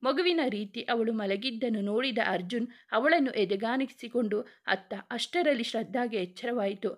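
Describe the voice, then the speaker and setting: A woman's voice: fairly high pitch, moderate pace. A woman reading a dramatic story aloud as a storyteller, in her own voice, with light changes for the characters' lines. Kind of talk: scripted story narration.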